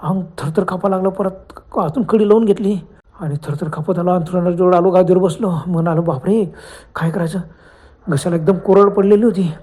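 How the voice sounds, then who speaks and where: A man narrating a first-person ghost story in dramatic, exclamatory storytelling that drops to hushed tones at the tense moments. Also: high voice, steady tone, fairly quick. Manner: dramatic, frequent gasped exclamations, acts out friends' fearful lines. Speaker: horror storyteller.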